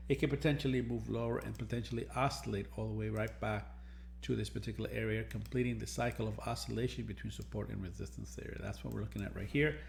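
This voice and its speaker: This man's fairly low, fry-tinged voice carries a semi-scripted premarket market analysis as he explains charts and repeats key phrases for emphasis. He's a trading educator and analyst host, and a little hiss or hum runs under the audio.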